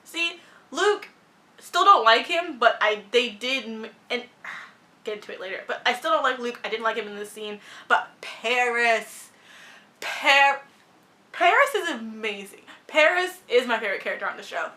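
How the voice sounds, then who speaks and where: A woman's voice: a little high, animated, normal speed, sharp tone. A young woman reviewing a TV show in casual, opinionated chat, blunt and sarcastic, swearing freely and saying "like" a lot.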